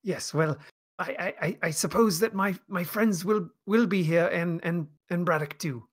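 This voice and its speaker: A woman's voice: on the low side, moderate pace, close to an everyday voice. A woman voicing a hesitant, evasive male elf in a tabletop game, stammering through formal, fussy wording.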